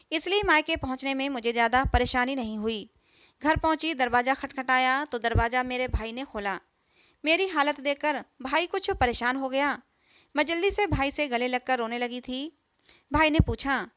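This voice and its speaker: A woman's voice: high voice, fairly bright tone, dry recording. A woman narrating a family story in the first person, earnest and emotional.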